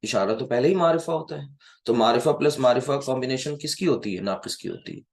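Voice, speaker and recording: A man giving a classroom grammar lecture who keeps quizzing his students and slowly repeats key words. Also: mid-range voice. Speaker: Arabic grammar teacher.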